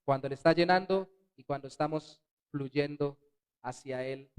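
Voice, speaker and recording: A man preaching a sermon as pastor in a church, swinging between loud bursts and soft, dropped words. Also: on the high side, normal speed, smooth. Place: church sanctuary.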